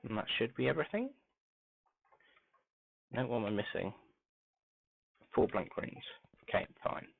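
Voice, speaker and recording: A man streaming a game, talking softly and muttering to himself as he crafts, his grainy voice muffled as if heard through a wall. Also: mid-range voice, big pitch swings, measured pace, gravelly, a little hiss or hum. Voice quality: grainy voice when quiet. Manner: talks softly, mumbling to himself while crafting. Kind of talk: casual live-stream gameplay commentary. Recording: muffled phone-like mic with faint music.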